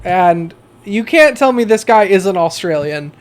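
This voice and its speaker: A man's voice: high voice, lively intonation, a little slow. A man narrating as game master of a tabletop game, hesitant and full of fillers.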